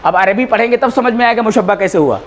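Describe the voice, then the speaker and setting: A man teaching a class in a lecture style, repeating words slowly for students to write down. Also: high-pitched, slight background noise. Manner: slow, repeats words for dictation. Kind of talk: classroom lecture, dictating notes.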